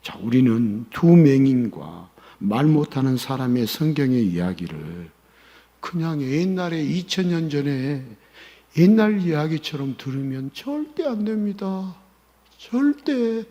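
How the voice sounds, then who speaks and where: A male pastor preaching a sermon, swinging between hushed pleading and loud emphatic calls. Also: fairly high pitch, sing-song, a little slow, muffled recording. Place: church sanctuary. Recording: church hall with long reverb.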